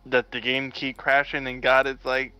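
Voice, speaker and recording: A man chatting casually with friends during a game, reacting dramatically with loud exclamations. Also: medium pitch, monotone, moderate pace, smooth, no room sound, muffled recording. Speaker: gamer friend. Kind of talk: casual gaming chat.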